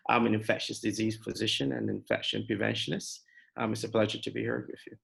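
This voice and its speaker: Man from Barbados, low, heavily gravelly, relaxed doctor intro. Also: fast. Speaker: infectious disease physician. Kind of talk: self-introduction.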